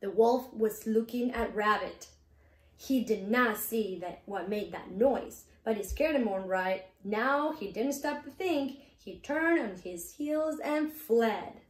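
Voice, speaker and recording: A woman reading a children's picture book aloud as storyteller, gentle and expressive. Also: fairly high pitch, takes it slowly, roomy sound.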